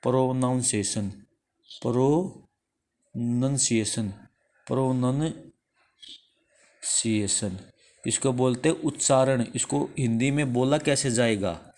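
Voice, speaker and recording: A man with an Indian accent teaching the English alphabet in a slow, repetitive lesson, asking a question and then answering it himself. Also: mid-range voice, darkish tone. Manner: slow, repeats each answer after asking it.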